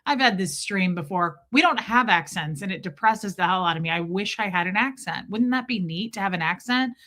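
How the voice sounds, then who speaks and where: A woman with an American Midwestern accent hosts a livestream, chatting candidly and casually with viewers. Her delivery is brisk, pushed and bright with lively intonation, though lack of sleep has made her voice deeper than usual.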